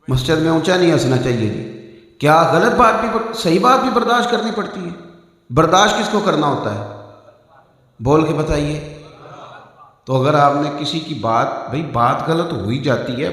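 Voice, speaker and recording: A man preaching a mosque sermon, telling stories with acted quotes and swinging between loud and soft delivery. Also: on the high side. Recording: echoey hall reverb.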